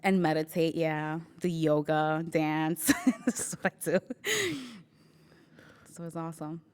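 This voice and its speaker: A young woman from New York tells a personal story in a relaxed, chatty way. Her voice sits low and sounds clear and smooth. She often acts out what she said and breaks into laughter. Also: slow. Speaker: interviewee sharing her story.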